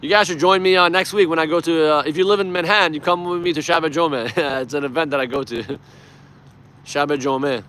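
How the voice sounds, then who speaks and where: A native Persian speaker from Iran hosts a casual livestream, giving emphatic, informal political commentary with some swearing. His slightly high voice is steady, brisk, fairly bright and clean.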